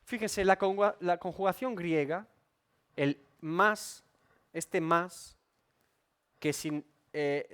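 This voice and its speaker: Emphatic high-voiced pastor. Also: male voice. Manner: emphatic, repeats and rephrases points, asks rhetorical questions. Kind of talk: expository Bible study sermon.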